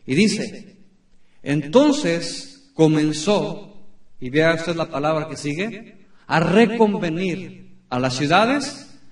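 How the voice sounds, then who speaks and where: A high-voiced male pastor in his thirties delivers an emphatic sermon, leaning on pauses and repetition. He is recorded from a distance in an echoey church sanctuary. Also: animated.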